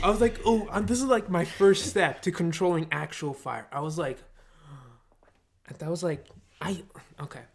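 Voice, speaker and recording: Rambling young man, slightly high voice. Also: a little hiss or hum. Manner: rambling storyteller, many restarts and "like"s. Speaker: podcast co-host. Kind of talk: casual chat.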